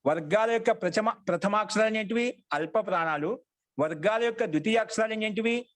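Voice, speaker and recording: A man's voice: high-pitched, a little fast. A man teaching a Sanskrit grammar class online, repeating questions and answering them himself in a call-and-response way.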